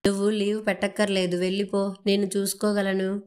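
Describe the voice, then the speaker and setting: A gentle elderly father, worn out by fever, who talks in a faint, tired way, as a woman narrator reads him. His voice sits at a middling pitch for a storybook reading. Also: completely flat delivery, a little fast, natural voice. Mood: weary.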